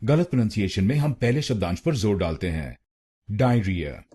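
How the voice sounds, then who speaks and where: A man from India leads a scripted pronunciation tutorial, breaking words into syllables and repeating each one. His voice is low, warm and a bit husky, and he speaks slowly with a lively rise and fall. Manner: slow, careful, repeats syllables. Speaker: pronunciation teacher.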